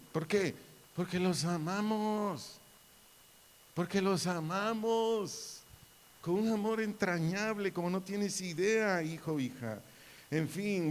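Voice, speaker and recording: Man preaching in an echoing church. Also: sits high. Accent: Mexican Spanish. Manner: repeats phrases for emphasis, addresses listeners as sons and daughters. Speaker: pastor. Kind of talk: sermon. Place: church hall. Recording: hall reverb.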